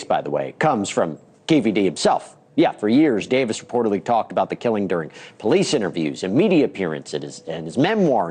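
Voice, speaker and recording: A man's voice: mid-range voice, darkish tone. A man hosting an entertainment news show, reporting a court story and then interviewing a guest. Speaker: news host.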